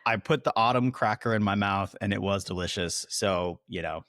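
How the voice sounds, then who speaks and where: A man co-hosting a podcast in casual chat, relaxed and joking, with lots of "like" and "you know". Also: lowish voice, moderate pace, no room sound, clean studio sound. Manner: relaxed, joking, uses 'like' and 'you know' a lot. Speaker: podcast co-host.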